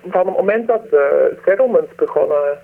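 Woman disguised by deep pitch-shifted distortion. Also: lively intonation, gravelly. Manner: earnest and pained, with hesitant pauses. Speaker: anonymous former aid worker interviewee. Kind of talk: radio interview answers. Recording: distorted, narrow phone-like sound.

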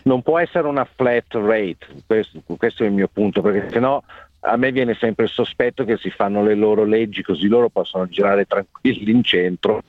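A male phone-in caller with a slightly low voice, heard over a narrow, tinny phone line with no echo. He talks casually and gives his opinions. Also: normal speed. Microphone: phone call.

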